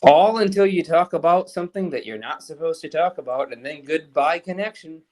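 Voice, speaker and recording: A man joining a casual livestream as a guest, joking with halting restarts. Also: a little high, darkish tone.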